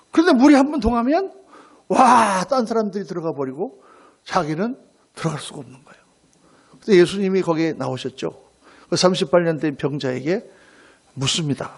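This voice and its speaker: A man's voice: sits high, breathy edge. A man preaching a Sunday sermon at a church service as pastor, telling stories vividly and asking rhetorical questions. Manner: animated storytelling with rhetorical questions.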